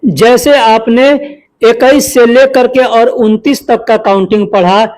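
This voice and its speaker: High-voiced man teaching counting patiently. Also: fairly even intonation, measured pace, a little mellow. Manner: patient, repeats each line twice. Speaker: language teacher. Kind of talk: spoken language lesson.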